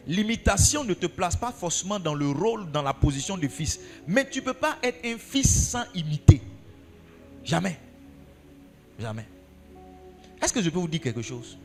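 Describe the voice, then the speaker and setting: A pastor with a fairly high voice preaches to his congregation. His pitch swings widely as he repeats his points and asks questions. Soft music plays underneath. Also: sing-song, moderate pace, long pauses, long reverb tail. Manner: repeats key phrases for emphasis. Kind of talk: sermon.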